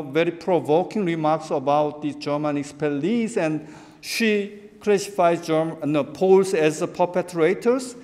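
Lecturing man in a reverberant hall. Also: fairly high pitch. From South Korea. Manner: animated, gesturing at a lectern, frequent restarts. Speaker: keynote speaker. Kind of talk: academic lecture. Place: large conference hall. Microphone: lectern microphone.

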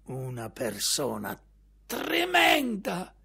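A man voicing a disapproving, alarmed middle-aged mother with a high, shrill, exclaiming voice. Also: huge pitch swings, extremely slow, creaky, pushed and bright, breathy edge, exaggerated voice.

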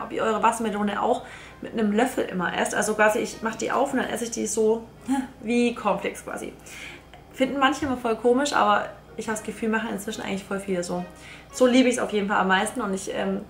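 A woman's voice: on the high side, vocal fry. A young woman vlogging casually to a handheld camera in an informal, chatty way, mixing in English slang. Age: young adult. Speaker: travel and food vlogger. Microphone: handheld camera at arm's length.

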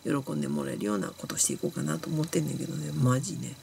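Tipsy Kansai man, blunt and scolding, lively pitch, rambling vlog talk. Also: very fast, gravelly, background noise. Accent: Kansai Japanese. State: tipsy and sleepy from drinking. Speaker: YouTuber talking to viewers. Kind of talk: casual monologue to camera.

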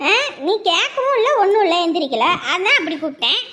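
A woman's voice: very high-pitched, very animated, fairly quick, sharp tone, full character voice. A woman playing a young wife who nags and scolds her husband. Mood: scolding. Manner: nagging, scolding.

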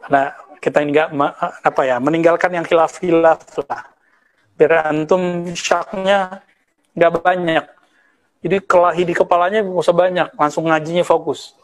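A man's voice: on the high side, fairly even intonation, moderate pace. A man in his thirties from West Sumatra, an Islamic preacher giving a conversational study lecture with Arabic terms and teasing asides. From West Sumatra, Indonesia. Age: 30s.

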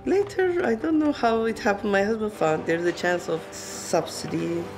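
Turkish-accented woman, halting and warm. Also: medium pitch, animated, over music. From Turkey. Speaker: hockey parent. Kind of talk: documentary interview.

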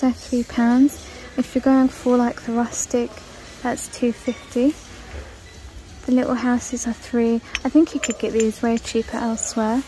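This shopping vlogger has a fairly high yet dark-toned voice as she casually walks a large indoor store, talking and listing prices. She films the walkthrough on her phone, and the audio is rough.

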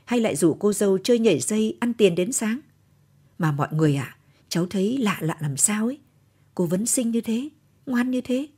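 A woman's voice: mid-range voice, animated, normal speed, dark tone, husky, pitched above the performer's own voice. A woman voicing a cheeky young grandson, teasing and gossiping in an audio storybook.

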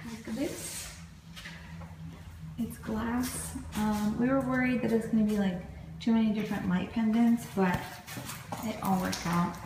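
A woman's voice: mid-range voice, far from the mic. A woman giving a casual, upbeat house tour as a vlogger, pointing out fixtures as she walks through her unfinished home. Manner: chatty, upbeat, pointing things out. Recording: echoey empty house, loud room noise.

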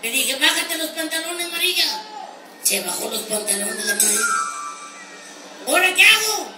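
A man playing a naive, boastful rural ranch hand with a Mexican accent, telling bawdy stories and bursting into shouts. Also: expressive, moderate pace, over music. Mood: cheeky. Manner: high squeaky voice, bawdy punchlines, shouted outbursts. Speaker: stand-up comedian in character. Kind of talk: live comic monologue. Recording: roomy live venue from far off, crowd and noise.

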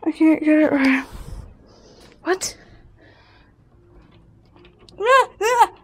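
A woman's voice: very high voice, lively intonation, slow pace, vocal fry, fairly bright tone, exaggerated voice. A woman voicing a cocky male hedgehog hero turned into a baby, frustrated and swearing in a plush toy video. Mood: alarmed.

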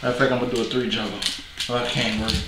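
A man's voice: medium pitch, flat delivery, racing. A man from New Orleans with a New Orleans accent, casually chatting and joking with viewers while cooking in his home kitchen. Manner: slangy, rambling, joking to viewers. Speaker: cooking video host. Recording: echoey room with clear noise.

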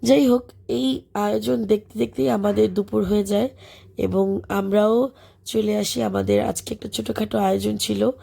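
A Bangladeshi woman, a schoolteacher, talks through her vlog in a casual voice-over. Her voice is hoarse and broken down to a heavy gravel, and its tone is husky and dark. She rambles along with many fillers. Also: medium pitch, fairly even intonation, normal speed. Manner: chatty, warm about the children, frequent fillers. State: hoarse, voice gone from illness. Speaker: schoolteacher and vlogger. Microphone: voice-over recorded separately.

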